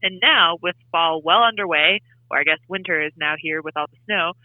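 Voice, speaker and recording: A woman's voice: on the low side, fairly quick, dry recording, phone-quality sound. A woman co-hosting a podcast in casual chat, calling in remotely, with her voice sounding slightly robotic. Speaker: podcast co-host.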